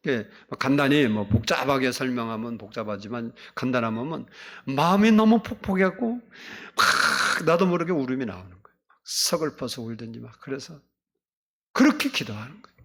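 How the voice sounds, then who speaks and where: Male pastor mid-sermon, gets loud and emphatic then drops way down soft, mid pitch. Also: sing-song, normal speed. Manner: emphatic, swinging between loud exclamations and soft asides.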